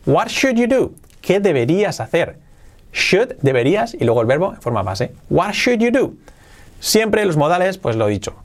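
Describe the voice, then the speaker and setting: Lively teacher repeating phrases. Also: male voice, medium pitch. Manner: repeats English phrases slowly, explains quickly. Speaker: English teacher. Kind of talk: grammar lesson.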